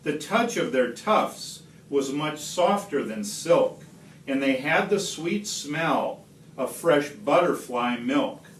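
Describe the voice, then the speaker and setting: A man reading a rhyming picture book aloud to children, expressively, with deliberate, dramatic pauses. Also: on the high side, animated. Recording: roomy, distant home video with slight noise.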